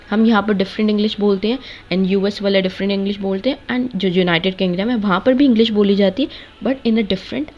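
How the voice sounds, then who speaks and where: Young woman lecturer, mid pitch, slightly dull lo-fi sound. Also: darkish tone. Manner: mixes Hindi and English, lists points one by one. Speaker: B.Ed. course teacher. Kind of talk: explanatory lecture.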